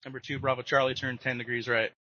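A man working as an air traffic controller, giving brisk, procedural instructions over the radio. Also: medium pitch, flat delivery, pushed and bright, dry recording. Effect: radio transmission. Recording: muffled lo-fi radio audio.

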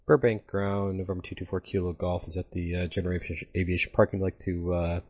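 A man, a private pilot heard over the aircraft radio, making halting calls to air traffic control with many fillers and self-corrections. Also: low-pitched, little pitch movement, a little mellow. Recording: muffled aircraft radio transmission.

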